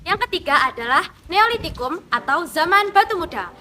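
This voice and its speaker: A woman student reading out a history explanation in a steady, read-aloud way. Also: very high voice, brisk, soft background music. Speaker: student presenter.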